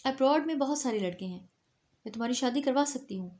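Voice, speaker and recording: A woman's voice: high-pitched, expressive, darkish tone, voice pushed up. Woman reading as an anxious, insistent young bride. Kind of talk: storybook reading.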